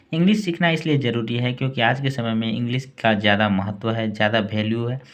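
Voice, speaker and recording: A man hosting a language lesson, spelling words out slowly letter by letter and often checking with the listener. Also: mid-range voice. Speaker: English teacher, channel host.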